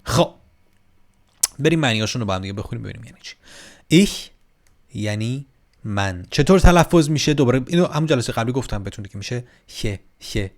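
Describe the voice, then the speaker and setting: A man teaching a casual online German grammar lesson, lively, and repeating words slowly so learners can copy the pronunciation. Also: mid-range voice.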